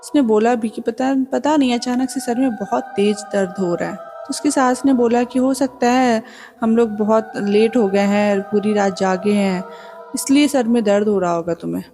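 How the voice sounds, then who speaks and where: A woman's voice: a little high, normal speed, warm tone. A woman casually retelling a true horror story as the channel's storyteller. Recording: music playing behind the voice.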